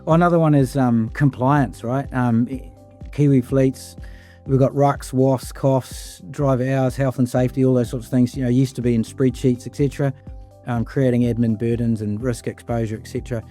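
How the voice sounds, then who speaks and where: A man's voice: mid-range voice, fairly even intonation, normal speed, warm tone, soft background music. A man speaking as a panelist in a casual, list-heavy way, with many fillers. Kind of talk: panel discussion.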